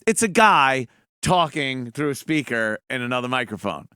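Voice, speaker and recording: A man's voice: mid-range voice, lively intonation, normal speed, pushed and bright, clean tone, dry recording. Man, casual sarcastic commentary, dry close sound. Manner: rambling, sarcastic, frequent fillers. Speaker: show host.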